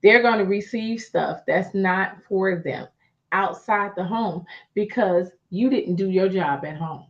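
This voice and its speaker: A woman gives a motivational talk in a conversational, emphatic way, repeating her key lines. Her voice sits at an ordinary middle pitch. The recording sounds a little dull and lo-fi. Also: unhurried. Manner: emphatic and repetitive, conversational, addresses listeners as y'all. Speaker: host, motivational speaker.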